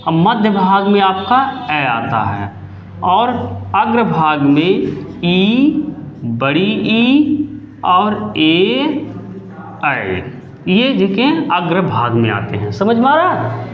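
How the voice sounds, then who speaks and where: A man's voice: high-pitched, huge pitch swings, measured pace, soft background music. A man teaching a grammar lesson to a class, stretching out sounds with emphatic repetition and often checking whether students follow. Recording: echoey, dull room sound with faint noise.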